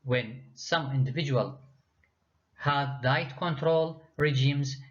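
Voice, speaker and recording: A man's voice: medium pitch, takes it slowly, a bit bright. A man lecturing university students, reading his slides with frequent hesitations and restarts. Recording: dull lo-fi lecture recording.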